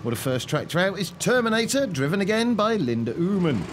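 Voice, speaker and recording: High-pitched male tractor pull announcer over loud engines. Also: sing-song, brisk. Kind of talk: sports commentary in the manner of a tractor pull announcer. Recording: loud engine and vehicle noise behind.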